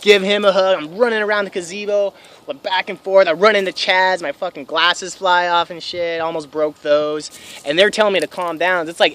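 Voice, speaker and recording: Young man, twenties, bright tense voice, somewhat high, excitable, swears a lot, casual storytelling. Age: 20s. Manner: excitable, swears freely, laughs often. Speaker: vlogger. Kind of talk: casual first-person storytelling.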